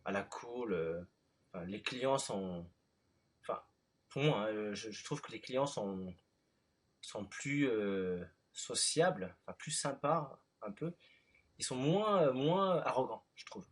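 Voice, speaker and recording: Husky French man chatting. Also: mid-range voice, slow pace. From France. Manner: relaxed, many fillers and short backchannels. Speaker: interviewer. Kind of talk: casual interview chat.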